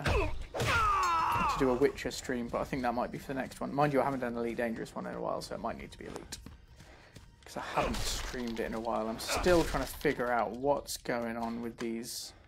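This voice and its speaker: A man chatting casually while playing a video game live, breaking into quick exclamations as he reacts. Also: mid-range voice, gravelly, noisy background. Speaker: streamer. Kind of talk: live gameplay commentary. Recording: game music playing behind.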